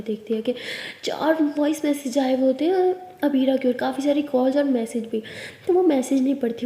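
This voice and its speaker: A woman tells an audio love story with high, mellow tones and an expressive, emotional delivery. Her voice carries a roomy, reverberant echo with a long tail.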